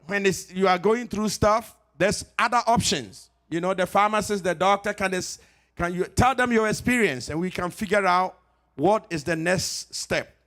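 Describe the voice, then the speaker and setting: A middle-aged man from Ghana with a Ghanaian accent, a pharmacist giving an informal health talk at church, lively and joking, repeating his key points. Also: high-pitched, moderate pace.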